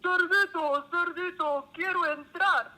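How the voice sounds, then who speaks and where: A woman's voice: extremely high pitch, takes it slowly, sharp tone, voice pushed up, full character voice. Storybook wolf voiced by a woman. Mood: menacing. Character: hungry wicked wolf, male.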